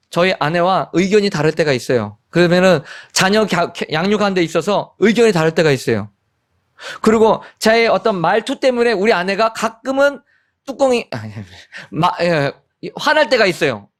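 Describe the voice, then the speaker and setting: A man in his forties preaching a sermon in a high, light voice. He moves from raised, emphatic lines to soft, lowered ones and acts out family arguments as he speaks. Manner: animated, acts out family quarrels in quoted lines. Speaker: missionary pastor.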